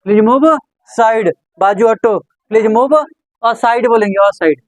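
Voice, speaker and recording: A man teaches an English class, drilling phrases over and over in call-and-response fashion and putting questions to his students. His voice is high-pitched and a little slow. The audio is poor, though without echo.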